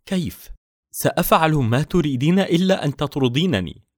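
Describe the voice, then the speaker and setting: A man's voice: mid-range voice, sing-song, normal speed, no room sound, studio quality, pitched above the performer's own voice. A man voicing a timid, frightened young maidservant in a storybook reading, pleading and fearful.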